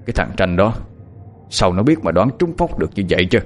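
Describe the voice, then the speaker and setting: A man voicing a burly, rough man who speaks bluntly. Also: low voice, sing-song, brisk, slight background noise. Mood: gruff. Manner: gruff, blunt.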